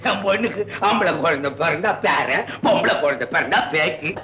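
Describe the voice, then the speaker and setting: An actor playing an excitable old man awaiting a grandchild, shouting excitedly in a 1960s film scene. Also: on the high side, a little fast. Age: older. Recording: noisy crowded film scene.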